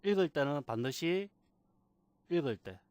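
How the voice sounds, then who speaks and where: A man teaching a software class, patiently repeating key terms and asking rhetorical questions. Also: a little high, expressive, a little slow, clean tone, dry recording. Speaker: computer instructor. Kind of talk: screen-recorded software tutorial.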